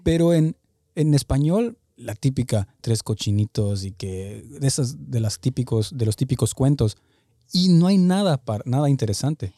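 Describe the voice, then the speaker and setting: A man. His voice is very dark and mellow, and he talks in a laid-back, rambling way. The sound is dry and close. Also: mid-range voice, moderate pace, no room sound. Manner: relaxed, rambling, hesitant restarts. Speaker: podcast host. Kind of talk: casual podcast chat.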